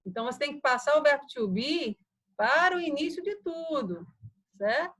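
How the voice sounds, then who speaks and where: A woman's voice: high voice, expressive, moderate pace, a bit bright, poor audio. A woman whose first language is Portuguese, teaching an online English grammar lesson in a patient, explanatory way, often checking in with her students.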